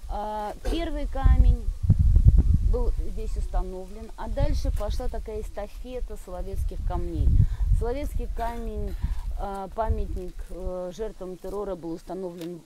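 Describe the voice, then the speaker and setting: A woman's voice: mid-range voice, a little slow. A middle-aged woman giving unscripted closing remarks as an organiser at an outdoor gathering. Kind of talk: unscripted public address. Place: outdoors in a park by memorial stones. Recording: clear outdoor background noise.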